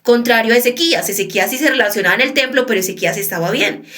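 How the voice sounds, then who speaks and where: A woman's voice: fairly high pitch, lively intonation, racing, sharp tone. A woman preacher giving a conversational sermon, often checking in with her listeners.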